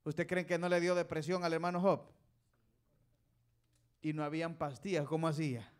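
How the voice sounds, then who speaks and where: Preacher guy, high-ish voice, jokey, goes loud then quiet. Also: fairly even intonation, moderate pace, clean tone. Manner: folksy, teasing, calls out to the congregation; swings between loud and soft. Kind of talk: sermon.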